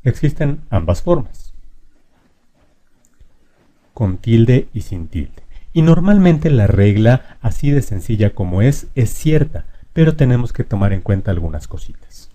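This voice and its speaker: A man teaching a grammar lesson, explaining rules clearly and reading his example sentences out slowly. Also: medium pitch, sing-song, dark tone.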